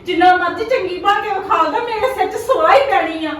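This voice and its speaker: Woman acting high-pitched scolding Punjabi aunty, echoey. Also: brisk, fairly bright tone. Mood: indignant, aggrieved. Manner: Punjabi aunty scolding and lamenting, dramatic complaining. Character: scheming, aggrieved Punjabi mother and daughter-in-law, aunty type. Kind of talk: amateur family skit acting. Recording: very echoey room, distant microphone.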